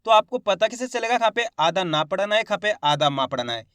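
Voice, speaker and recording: A man teaching a step-by-step reading lesson, sounding out syllables slowly and answering his own questions. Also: high-pitched, animated, fairly bright tone, clear, resonant tone, dry recording. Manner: addresses viewers as friends, plain conversational teaching.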